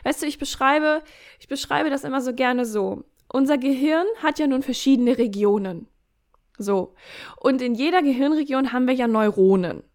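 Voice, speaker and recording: A woman in a casual podcast chat, giving coaching advice in an animated way, acting out inner voices and adding jokey asides. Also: high voice, normal speed. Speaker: podcast guest.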